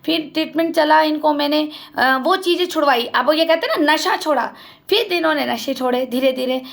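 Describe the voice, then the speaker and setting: A woman's voice: high-pitched, lively intonation, brisk, creaky, fairly bright tone. A young woman vlogger giving an impassioned personal account, speaking accusingly and directly to family members. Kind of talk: emotional personal account to camera.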